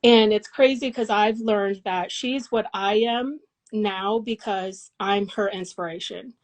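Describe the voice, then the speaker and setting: A woman's voice: mid-range voice, fairly even intonation, takes it slowly, rough recording. Woman in her forties, guest in a casual interview, earnest, reflective, restarts often. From Colorado. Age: 40s. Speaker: guest, massage therapist and business owner.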